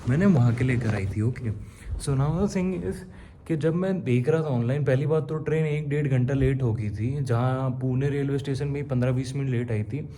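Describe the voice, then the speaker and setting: A man's voice: mid-range voice, normal speed, dark tone, a little hiss or hum. A young man chatting casually in a travel vlog, mixing English words into his talk and calling his viewers bro. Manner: chatty, mixes English into Hindi, says bro often. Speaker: travel vlogger. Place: hotel room.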